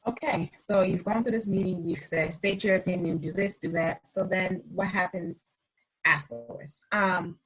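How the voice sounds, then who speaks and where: A woman's voice: fairly low pitch, normal speed, fairly bright tone, breathy edge, poor audio. A woman giving an online training presentation, her video-call audio choppy and breaking up as the stream drops. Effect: choppy audio from a dropping video-call stream.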